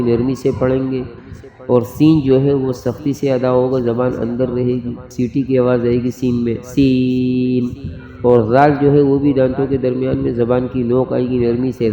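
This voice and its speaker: A man teaching Quran reading step by step, patiently sounding out letters slowly and repeating them. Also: mid-range voice, dark tone. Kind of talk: step-by-step recitation lesson. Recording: roomy, long echo, dull lo-fi sound.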